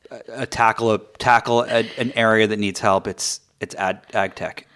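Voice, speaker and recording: A man's voice: fairly low pitch, steady tone, normal speed, fairly bright tone. A man from England hosting a podcast interview, talking in a rambling way with many ums and restarts. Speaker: podcast host.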